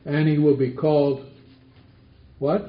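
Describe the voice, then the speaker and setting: A man's voice: a little high, flat delivery, a little slow. A man teaching a Bible study class, asking the group questions and repeating their answers back. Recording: roomy, dull lo-fi recording.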